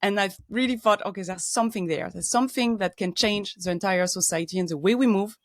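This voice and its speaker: A middle-aged woman speaks English with a French accent, explaining her engineering work with care. She pauses often to search for words and fills the gaps with ums. Her voice sits at an ordinary pitch, recorded close and dry with no room sound. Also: no room sound. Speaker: guest expert, engineer. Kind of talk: casual podcast interview.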